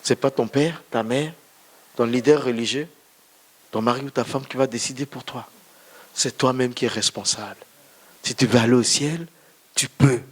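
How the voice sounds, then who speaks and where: He talks at medium pitch and normal speed but pauses often. The speaker is a male pastor whose native language isn't French, sharing a testimony sermon in story form at church while speaking directly to those present.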